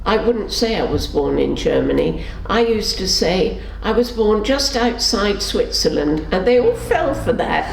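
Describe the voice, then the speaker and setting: An older woman shares memories in an oral history interview, her creaky voice very animated at a measured pace with few pauses. She tells stories and acts out what people said, shifting her pitch for each one. The recording sounds roomy, with faint background noise.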